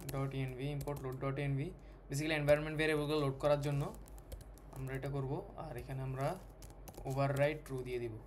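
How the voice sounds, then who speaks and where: A man's voice: medium pitch, darkish tone, a little hiss or hum. A man teaching a programming lesson over a screen recording, thinking aloud with many fillers and restarts. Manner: code-switching, halting with fillers and restarts. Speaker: programming tutor.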